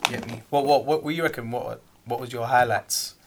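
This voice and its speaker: A man's voice: mid-range voice, steady tone, fairly quick. A man, chiming in during a casual group chat. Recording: clearly noisy group recording.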